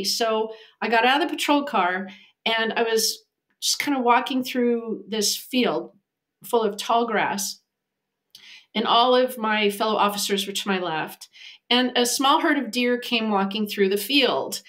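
A US woman in her fifties, an animal communicator, tells a vivid story as a podcast guest, speaking over a webcam video call from her home office. Her voice sits a little high with a fairly bright tone, and she acts out the quoted voices as she goes.

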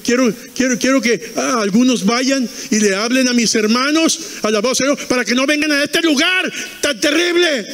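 A man's voice: extremely high pitch, normal speed, hardly any pauses, a bit bright, a little hiss or hum, voice pushed up. A man voicing a desperate rich man who stammers and pleads from hell, with a long hall echo. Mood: pleading.

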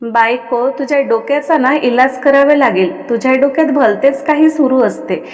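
A woman's voice: sits high, moderate pace, long reverb tail, natural voice. A woman voicing a smug, mocking young husband who teases his wife. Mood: teasing. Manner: smug, mocking, calls himself "we". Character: teasing arrogant young husband, man.

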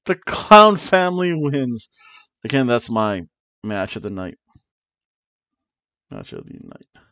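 Here a middle-aged host of a wrestling review show makes casual picks on camera from a cramped home room, headset mic on, playfully trilling wrestlers' names and humming dramatic music. The voice is medium-pitched, very animated and slow, gravelly yet smooth, with a sharp tone. Audio comes across dry, dull, and lo-fi.

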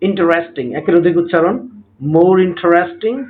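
A man teaching an English grammar lesson, slow and patient, drawing out each example word and repeating a set phrase after each point. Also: sits high, steady tone. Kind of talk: grammar lesson explaining notes. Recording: tinny phone-like sound.

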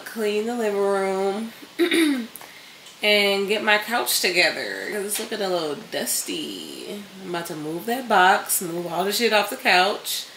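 Slow-talking excitable woman vlogger. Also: medium pitch, slight background noise, poor audio. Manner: excitable, slangy and chatty. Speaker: vlogger and mom. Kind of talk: casual vlog chat.

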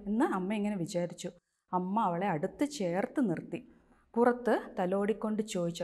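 A woman's voice: mid-range voice, darkish tone. A woman teacher reading a story to her class in an online lesson, retelling each line and quizzing the pupils with questions.

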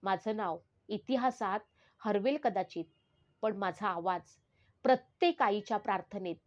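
A woman's voice: medium pitch, a little slow, highs cut off. A woman narrating in the first person as the spirit of a murdered teenage schoolgirl, in a solemn, pleading manner. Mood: grieving.

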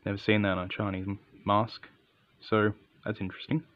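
A man's voice: lowish voice, flat delivery, fairly quick, no room sound, lo-fi sound. A man giving a casual, unscripted hands-on product review in an understated, matter-of-fact way.

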